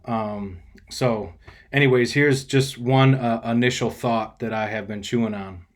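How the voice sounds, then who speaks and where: A man, a pastor, sharing thoughts in a casual video message, slightly out of breath and earnest, talking in a halting way with many fillers. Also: medium pitch, fairly even intonation.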